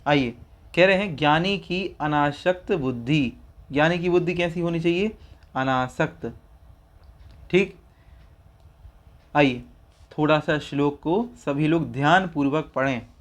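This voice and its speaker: A man with a somewhat high voice teaches how to recite a Sanskrit verse from a Jain scripture, speaking a little slowly with long pauses. He splits every word into syllables and patiently repeats each one so listeners can follow along.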